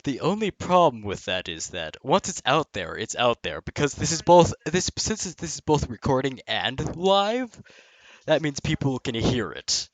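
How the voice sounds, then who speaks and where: A woman's voice: very deep voice, sing-song, a little slow, no echo. A young woman co-hosting a podcast in casual chat, laughing often and speaking aside to someone off mic. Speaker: podcast co-host.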